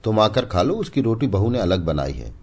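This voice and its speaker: A man's voice: fairly low pitch, very animated, normal speed, a little mellow, pitched above the performer's own voice. A man voicing a weary, proud older village aunt who speaks curtly and with resignation. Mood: calm. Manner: curt, resigned.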